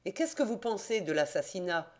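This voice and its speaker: A man reading an audiobook, voicing a young male reporter who asks quick, persistent questions. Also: high-pitched, sing-song. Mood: probing.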